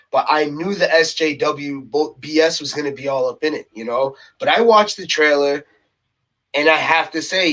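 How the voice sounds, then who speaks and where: A man's voice: fairly high pitch, fairly bright tone, poor audio. A man ranting on his own to camera, heated and exasperated, a little out of breath, who keeps repeating himself and tags his points with "okay?". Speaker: vlogger. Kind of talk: casual rant to camera.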